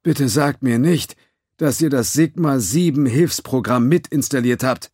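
A man's voice: mid-range voice, measured pace, a little mellow, dry recording, clean studio sound, pitched above the performer's own voice, lightly acted. A man reading an audiobook, voicing an overworked, sarcastic male starship engineer who snaps at everyone. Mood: exasperated. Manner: exasperated, sarcastic outbursts. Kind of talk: audiobook character voice.

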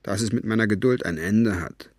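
A man voicing a bored, menacing gang boss who speaks slowly and quietly. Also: on the low side, dry recording, studio quality, lightly acted.

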